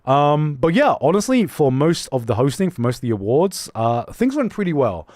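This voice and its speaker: On the high side, this young streamer's voice comes through in studio quality without echo. His accent is a mixed English with a slight British tinge, and he chats casually, reads viewer messages, laughs often and keeps restarting his sentences in an animated way.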